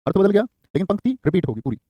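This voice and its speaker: A man's voice: high-pitched, very animated, dry recording, muffled recording. A male teacher giving a live online exam-prep class, repeating key phrases for dictation and answering students by name. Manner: quick, repetitive dictation, calls students by name.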